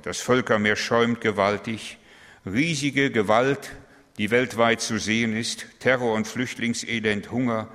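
A man's voice: lowish voice, fairly bright tone. A man preaching a sermon, emphatic and building on key phrases, asking his listeners direct questions. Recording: long hall reverb.

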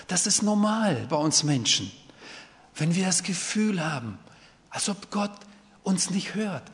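A man preaching a sermon in German, earnest, sometimes rising to fervent pleading. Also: a little high. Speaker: pastor. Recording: long reverb of a hall.

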